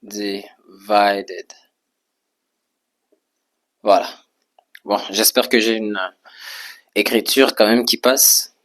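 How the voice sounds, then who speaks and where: A man teaching English in French at a board, repeating and spelling out each word patiently, often pausing with hesitations. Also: on the low side, steady tone, fairly bright tone. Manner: slow, patient, repeats words and spells them out; frequent hesitations with "euh". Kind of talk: French-language English lesson at a whiteboard.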